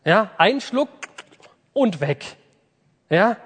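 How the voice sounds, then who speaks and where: A man preaching a sermon to a congregation, swinging from loud outbursts to soft, intimate lines. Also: high-pitched, sing-song, very slow, husky. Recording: reverberant hall.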